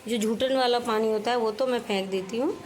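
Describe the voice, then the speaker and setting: A middle-aged woman with a slightly sore throat chats casually as she films herself cooking and cleaning at home, a homely vlogger explaining things while she works. Her voice is fairly high, a little mellow and steady, and she talks fairly quickly over slight background noise.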